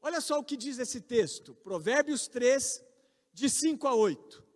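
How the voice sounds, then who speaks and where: A Brazilian man in his forties, a pastor, preaching a sermon with emphatic, loud peaks on key words. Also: very high-pitched, expressive, a little slow. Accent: Brazilian Portuguese. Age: 40s. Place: large church hall. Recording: reverberant church hall.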